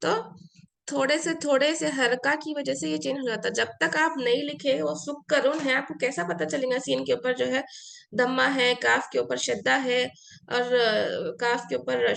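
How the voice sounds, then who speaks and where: A woman's voice: sits high, vocal fry, fairly bright tone. A woman teaching an Arabic class, explaining patiently, repeating key words and slipping into English phrases; her first language is Urdu. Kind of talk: online class lecture.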